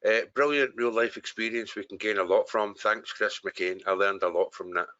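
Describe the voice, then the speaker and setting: Bright-voiced Scottish man hosting a Q&A. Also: on the low side, fairly even intonation, no room sound. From Scotland. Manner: brisk, encouraging, with repeated words. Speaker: webinar host. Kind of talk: hosting a live Q&A. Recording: dry, muffled call audio.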